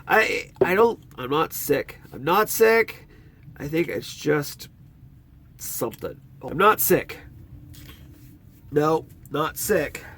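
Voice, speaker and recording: With a stuffy, congested nose, a man gives a casual, rambling walkthrough of his movie collection, chatty and lively as his pitch swings all over. He speaks slowly in a gravelly voice, with faint background noise underneath.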